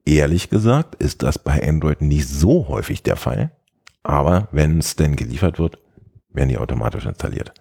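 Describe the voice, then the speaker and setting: A man's voice: very deep voice, expressive, normal speed, creaky, mellow, breathy edge. A man co-hosting a casual tech podcast, explaining step by step with many hesitations and fillers. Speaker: podcast co-host.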